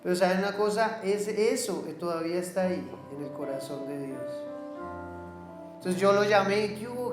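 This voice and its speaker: A middle-aged man with a Colombian accent, preaching a sermon as a pastor and telling stories with acted-out dialogue in colloquial speech. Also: high-pitched. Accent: Colombian Spanish. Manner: storytelling, acting out dialogue, colloquial. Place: church. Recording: roomy church hall with faint music.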